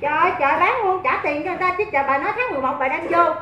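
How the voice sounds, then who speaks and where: Shrill, very high-voiced southern Vietnamese woman. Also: lively intonation, rapid-fire, muffled recording. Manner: shrill, keeps demanding an oath. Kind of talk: heated street argument. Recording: echoey phone recording with clear noise.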